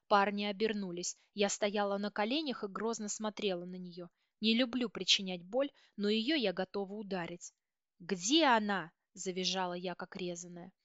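A woman narrating a first-person story as an audiobook reader, steady and dramatic. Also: mid-range voice, dry recording. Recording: dull, dry audiobook recording.

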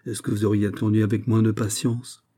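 A man reading the part of a cunning, suspicious bishop, smooth and probing, in an audiobook. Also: fairly low pitch, level tone, fairly quick, warm tone. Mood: teasing.

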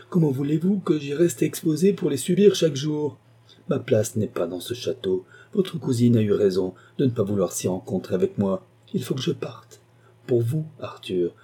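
A man's voice: fairly low pitch, mellow, breathy edge. A man voicing a passionate tearful woman. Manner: pleading, passionate.

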